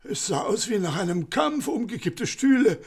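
In a radio play, an actor voices an old baron's servant who is frightened and anxious, stammering agitatedly as he recounts what happened. His nervous words tumble out. The voice is high, very animated, slightly rough, and fully in character, delivered at a moderate pace.

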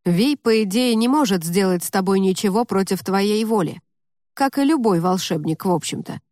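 A woman voicing a composed young man in an audiobook, speaking slowly and matter-of-factly. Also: medium pitch, lively intonation, a little mellow, no room sound, studio quality, lightly acted. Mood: calm. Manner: slow, unruffled delivery.

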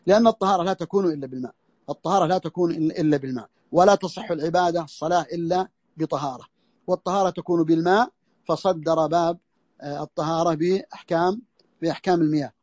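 A male scholar delivers an audio lesson on a classical text through a social media voice room, talking at a racing pace in a darkish voice pitched high for a man. Key phrases come back again and again, and he often starts sentences over. Everything sounds dry and close-miked, without any room.

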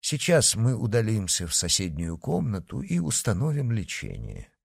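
Guy reading as a careful doctor, calm and measured. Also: lowish voice, creaky, breathy edge, no room sound, studio quality, exaggerated voice. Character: sober cautious male physician.

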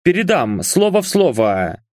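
A man's voice: fairly high pitch, big pitch swings, unhurried, no echo, studio quality, voice pushed up. A frightened, cringing servant, played by a man who pleads in a raised, anxious voice. He mumbles his apologies to his master. This is an audiobook reading. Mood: submissive. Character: frightened pleading male servant, kneeling attorney.

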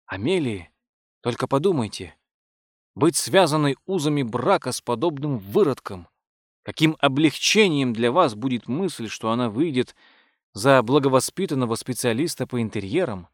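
A man voicing an excitable, cheeky young English gentleman in an audiobook, breezy and eager. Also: mid-range voice, normal speed, dry recording, studio quality, natural voice. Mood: smug. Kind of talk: audiobook character voice.

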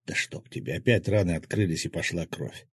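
Guy voicing a wounded young gang boss, weak and wheezy, low husky voice, still teasing. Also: a little fast, no room sound, clean studio sound. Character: wounded young gang leader, joking while dying.

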